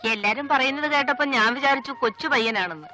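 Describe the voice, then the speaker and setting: A woman's voice: high voice, expressive, fast, pushed and bright, faint music behind. A chatty old grandmother. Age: older. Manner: chatty, fussing. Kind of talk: 1980s film acting.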